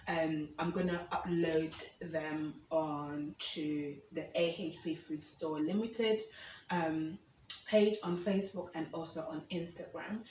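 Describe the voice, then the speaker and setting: A woman's voice: deep voice, steady tone, takes it slowly, darkish tone, a little hiss or hum. A woman from Uganda chatting casually in her kitchen while she preps food, often checking in with "okay?". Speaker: cooking vlogger. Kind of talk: casual cooking chat. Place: home kitchen. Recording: roomy, distant camera mic, faint ambience.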